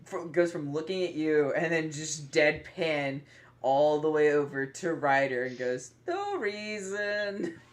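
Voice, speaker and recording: A man's voice: on the high side, flat delivery, a little slow. A man running a tabletop game as game master, laid-back and amused.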